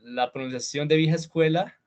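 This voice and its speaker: A man teaching English pronunciation in an online class, relaxed and chatty, slowing down to say model words again and again. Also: on the high side, muffled recording. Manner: switches to slow, drawn-out model words and repeats them; relaxed, chatty teaching with fillers and small laughs. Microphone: computer mic on a video call.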